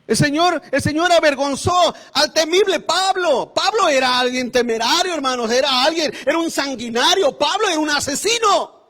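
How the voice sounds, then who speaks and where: A man delivering a fiery sermon as pastor, his voice sitting very high. He presses his points by repeating phrases and addresses listeners as brother. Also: normal speed, bright, forceful tone.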